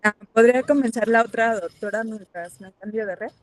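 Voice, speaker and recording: A woman giving feedback at an online doctoral colloquium while her video-call audio breaks up. She sounds hesitant and halting, with fillers between her words. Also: fairly high pitch. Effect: choppy, breaking-up video-call audio. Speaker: faculty reviewer at a doctoral colloquium. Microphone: computer mic on a video call.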